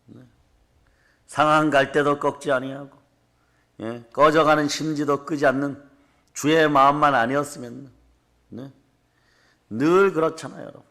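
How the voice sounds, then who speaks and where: A man preaching a fervent revival sermon to a congregation, declaring blessings and prompting the listeners with quick tag questions. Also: fairly high pitch, steady tone, pushed and bright. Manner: emphatic declarations answered by the congregation. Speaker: pastor. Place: church service before a congregation.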